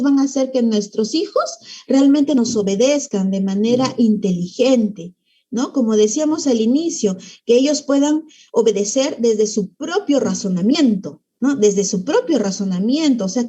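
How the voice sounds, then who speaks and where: A woman with a high, husky, mellow voice gives a parenting talk. She explains step by step and keeps tacking little tag questions onto her sentences. The sound is dull and lo-fi. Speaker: parenting workshop speaker.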